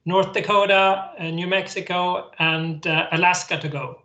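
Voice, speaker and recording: Swedish man with a bright, roomy sound. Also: high-pitched, fairly even intonation, normal speed, dull audio. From Sweden. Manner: earnest, with restarts and repeated words. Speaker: guest executive. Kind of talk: explaining on a webinar.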